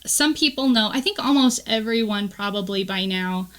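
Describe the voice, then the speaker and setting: A woman's voice: mid-range voice, moderate pace, low-quality recording. A woman co-hosting a casual gospel discussion, talking earnestly and acting out the people she quotes. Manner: earnest, animated retelling with quoted voices. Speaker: co-host.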